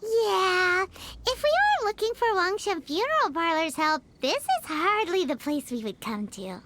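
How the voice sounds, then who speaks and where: A woman voicing a tiny, chatty, excitable female companion creature who refers to herself by name, in game voice acting over loud music. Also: very high voice, a little slow, noisy background, heavily acted. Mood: wry.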